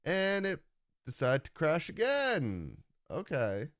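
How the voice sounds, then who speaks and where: A man streaming live gameplay, talking and rambling to his chat, with a deep, raspy voice from a rough throat. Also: wildly swooping pitch, takes it slowly, fairly bright tone, dry recording, studio quality. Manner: rambling, humming along while playing.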